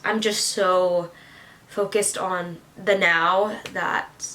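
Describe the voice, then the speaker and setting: A woman's voice: lowish voice, steady tone, very slow, bright, forceful tone, slight background noise. A woman of twenty-one, holding back tears as she rambles to her camera in a casual vlog. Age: 20s. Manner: tearful, rambling and self-reassuring. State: teary, on the verge of crying. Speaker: vlogger.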